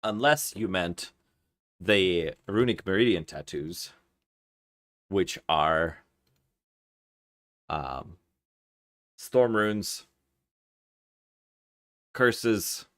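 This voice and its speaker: A low-voiced man from Kazakhstan gives casual equipment tips during a live game stream. He reasons aloud, often doubling a word before continuing. The sound is completely dry, without any room sound.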